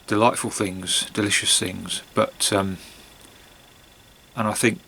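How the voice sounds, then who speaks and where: A man chatting casually on his own in a hesitant, musing way, with long pauses and trailing phrases. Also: on the low side, steady tone, vocal fry, pushed and bright, a little hiss or hum. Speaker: pipe-smoking vlogger. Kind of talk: casual monologue to camera.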